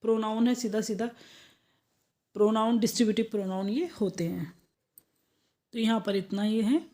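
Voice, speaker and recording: A woman's voice: fairly high pitch, moderate pace, mellow. A woman teaching English in Hindi, telling a story about a student in a chatty way, with many fillers and repetitions. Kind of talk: casual Hindi lecture with an anecdote.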